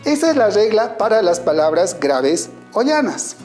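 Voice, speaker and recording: A man with a Bolivian Spanish accent teaches a scripted online lesson. His voice rises and falls a great deal as he explains each point. He speaks clearly and turns to his students with questions. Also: high voice, big pitch swings, moderate pace, darkish tone, faint music behind.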